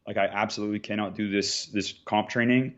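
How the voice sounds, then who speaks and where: A man's voice: on the low side, fairly even intonation, brisk. A man in his thirties, a jiu-jitsu competitor from Canada, talking casually in a podcast interview and rambling with lots of "like"s and restarts. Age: 30s. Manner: rambling, full of filler "like"s and restarts.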